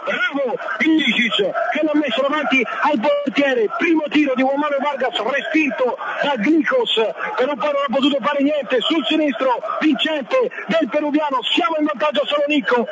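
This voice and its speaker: A man giving urgent, excitable and partisan live football commentary on radio. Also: extremely high pitch. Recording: noisy radio broadcast with loud stadium crowd. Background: loud stadium crowd.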